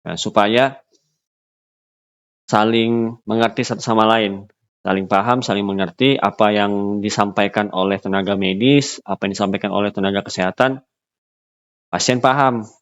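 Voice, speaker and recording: A man giving an unscripted lecture, pausing often with fillers and restarting his phrases. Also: on the low side, steady tone. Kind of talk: recorded lecture.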